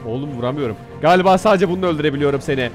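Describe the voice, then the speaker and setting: A man commentating his own Minecraft gameplay, excitable, muttering one moment and yelling the next. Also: on the high side, rapid-fire, over music. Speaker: gaming YouTuber. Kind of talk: Minecraft let's play commentary.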